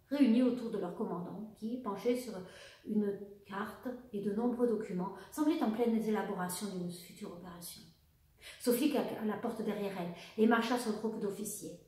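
A woman reading a novel aloud as an audiobook, in an even voice that now and then slips and restarts a phrase. The voice rings through a very echoey room. It comes from some distance from the mic. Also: on the high side. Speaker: narrator.

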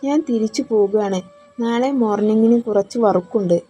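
A woman's voice: medium pitch, normal speed, dark tone, dull audio, faint music behind, close to an everyday voice. Woman reading as a kind, easygoing young man. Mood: friendly. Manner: friendly, reassuring.

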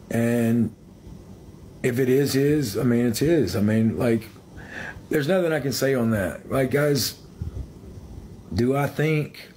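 A man's voice: medium pitch, darkish tone, a little hiss or hum. A man of thirty-eight talking casually to viewers on a phone livestream from a small room. He hesitates and repeats himself as he speaks straight to the audience. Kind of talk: casual live chat. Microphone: phone held close.

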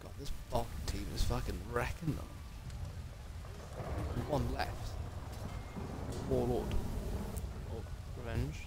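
A man's voice: mid-range voice, slow pace, pauses often, very noisy. A young man giving casual, rambling commentary over his gameplay, tired and swearing now and then. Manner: swearing, laughing, rambling asides. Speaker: gaming video creator.

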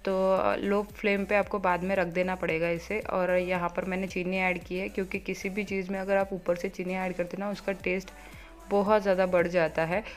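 A woman in her thirties vlogging at home, talking quickly and chattily with many fillers as she cooks and does chores; her first language is Marathi. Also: lowish voice, little pitch movement, soft background music. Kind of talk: casual home vlog, cooking and chores.

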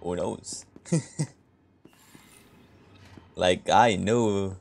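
A man's voice: low-pitched, steady tone, extremely slow, gravelly. A young man from Romania streaming a game, chatting casually with viewers in a laid-back, joking way with frequent laughs. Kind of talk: casual gameplay chat with viewers.

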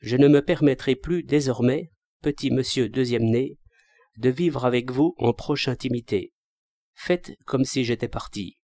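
A man's voice: medium pitch, a little slow, mellow, no room sound, close to an everyday voice. Brief: man playing a proud, weepy young woman who scolds from afar in a storybook reading, slightly raised voice, dry sound. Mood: tearful. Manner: reproachful, sobbing speech. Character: young woman, tearful, sharp-tongued and proud.

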